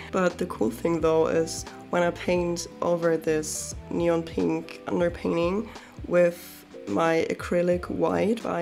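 Woman art vlogger, nasal from a cold, low-pitched, chatty and candid. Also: creaky, a little mellow. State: has a cold. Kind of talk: casual voice-over narration.

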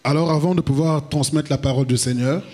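A man in his forties from the Republic of the Congo, preaching in a church hall on a handheld mic and pausing in short phrases for his interpreter. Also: on the high side, fairly even intonation, darkish tone. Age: 40s. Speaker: apostle, guest preacher. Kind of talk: sermon with interpreter.

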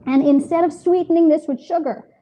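A middle-aged woman hosts a cooking demonstration in a home kitchen. Her voice sits high but mellow, and she talks upbeat and chatty, laughing easily between steps. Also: steady tone, brisk, slight background noise. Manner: upbeat, laughs often, explains step by step. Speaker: cooking show host.

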